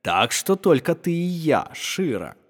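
A reader voicing a mocking, sinister male villain in a slow, gloating way, in an audiobook. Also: medium pitch, big pitch swings, slightly rough, long reverb tail.

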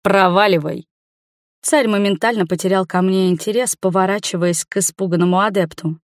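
A woman narrating a fantasy novel in the first person, with a lively, expressive reading. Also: mid-range voice, brisk, no echo, clean studio sound. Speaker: audiobook narrator.

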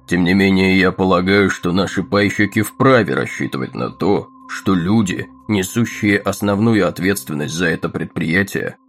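Playing a smug and scheming male railroad boss, the actor gives a heavily acted performance in a low register. The delivery is crisp, flat, and full of self-assurance.

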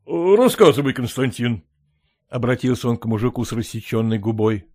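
A man narrating a classic story in a measured storytelling manner. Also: fairly low pitch, flat delivery, warm tone, no room sound, clean studio sound.

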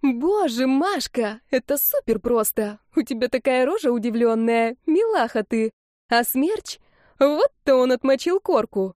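A woman voicing an excited young female friend who gushes and squeals over what she sees, read as part of an audiobook. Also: sits high, measured pace, no room sound, clean studio sound, voice pushed up. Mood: gushing. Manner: squealing, gushing.

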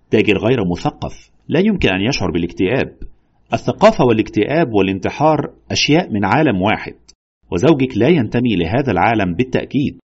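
A man playing a shrewd doctor who hears out a haunting case and reasons through it in a measured way, in an audio horror drama. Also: on the low side, a little mellow, husky, highs cut off. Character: calm, shrewd male doctor investigating a haunting. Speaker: doctor listening to a patient's story.

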